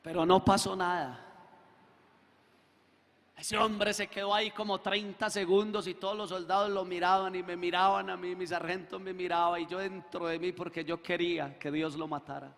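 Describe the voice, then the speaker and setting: A man preaching a testimony in church, acting out the voices in his story and rising to shouts. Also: high voice, flat delivery, normal speed, gravelly. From Colombia. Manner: acts out quoted dialogue, swells to shouting. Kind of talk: sermon testimony. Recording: echoey hall with long reverb.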